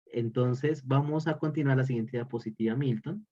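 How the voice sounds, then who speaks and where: Man, mid-pitched teacher voice, repeats key points, muffled call audio. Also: moderate pace, mellow. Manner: repeats key phrases for emphasis. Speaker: religious formation teacher. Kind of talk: online class lecture. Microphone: video call.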